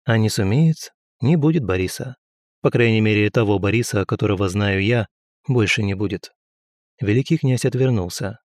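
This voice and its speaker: A man's voice: fairly low pitch, moderate pace, a little mellow, no room sound. A man reading a first-person audiobook in a wry, dry way. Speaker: narrator.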